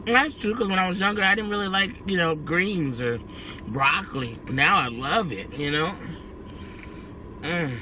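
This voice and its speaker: A man's voice: high-pitched, moderate pace, long pauses, pushed and bright. An American man chatting casually to viewers as he eats, chewing while he talks and humming with relish. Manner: chewing while talking, savouring hums. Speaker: mukbang vlogger. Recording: clear background noise, car ambience.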